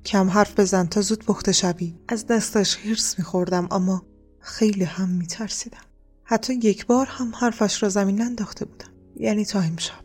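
A woman narrating an audiobook in a soft, hushed reading voice. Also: medium pitch, husky.

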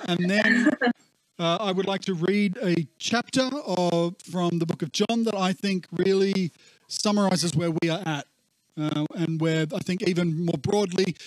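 A man with a slightly high voice gives a casual, wandering church talk as a pastor. The faulty recording makes him sound muffled, warbly and gurgling, as though underwater, though there's no echo.

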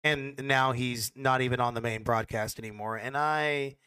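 Casting note: man, esports caster type, bright crisp voice, dry close sound, halting casual answers. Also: mid-range voice, steady tone, dry recording. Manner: hesitant, repeats words when starting.

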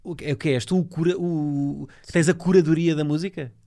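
Fast-talking man, European Portuguese podcast host. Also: fairly high pitch, fairly even intonation, dark tone. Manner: informal, teasing. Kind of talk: casual joking interview chat.

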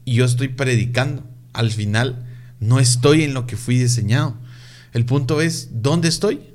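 A man talking in an animated, emphatic way, full of rhetorical questions, in a casual faith conversation. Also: mid-range voice, normal speed.

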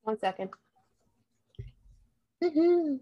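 Slow, giggly woman co-host. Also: sits high, highs cut off. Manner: giggly, relaxed storyteller. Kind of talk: casual podcast chat.

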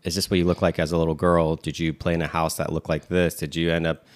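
A man with a very deep voice talking in a level, unvaried way. He co-hosts a relaxed chat and rambles, stopping and restarting his sentences with lots of "um" and "like." He sounds like he's in his thirties. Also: fast. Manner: rambling, many fillers and restarts. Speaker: podcast co-host. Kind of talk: casual chat.

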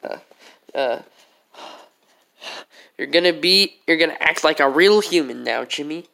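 A woman's voice: low voice, animated, a little slow, vocal fry, fairly bright tone, pitched below the performer's own voice, full character voice. A woman voicing a weary young male party host in an improvised story, hesitant and muttering, patient but exasperated. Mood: evasive, awkward.

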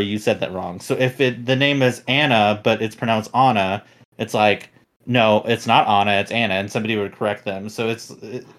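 A man's voice: medium pitch, a bit bright. A man hosting a casual podcast chat, rambling and critical, often restarting his sentences. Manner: rambling, critical, self-correcting. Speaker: podcast host.

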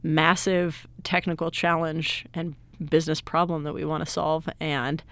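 A woman's voice: low voice, level tone, a little slow, fairly bright tone, clean tone, no echo. A woman in her thirties, a guest in an interview, talking casually and cheerfully about her work and studies, often laughing. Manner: upbeat, laughs easily, explains at length. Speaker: guest, IT director.

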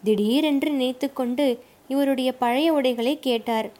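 A woman's voice: high voice, measured pace, dark tone. Storybook: woman reads servile male guard, defensive and pleading. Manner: submissive, pleading to his master. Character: deferential male palace guard, defensive servant.

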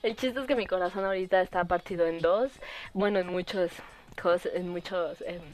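A woman's voice: lowish voice, moderate pace. A young woman with a Mexican Spanish accent, hosting a podcast in a giggly, gushing casual chat. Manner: gushing and giggly, with frequent laughs. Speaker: podcast host.

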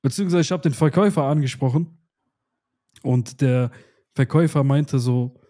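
A man in his twenties co-hosting a podcast, telling stories in lively, slangy casual chat. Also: mid-range voice, moderate pace. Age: 20s. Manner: lively, animated storytelling with slangy asides. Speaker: podcast co-host.

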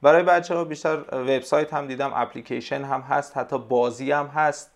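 A man, a language tutor, talking casually in an interview and explaining things hesitantly with many pauses and fillers. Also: medium pitch, steady tone. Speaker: language tutor, podcast guest.

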